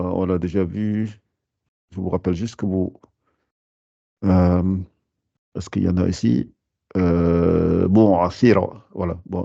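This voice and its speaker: A man's voice: sits low, gravelly, warm tone, dry recording, lo-fi sound. A man teaching Quran recitation rules to a class, patient and repetitive, stopping often with fillers and restarts. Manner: hesitant, many fillers and restarts; patient, repeats rules and reminders. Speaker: tajwid teacher. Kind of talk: live class explanation.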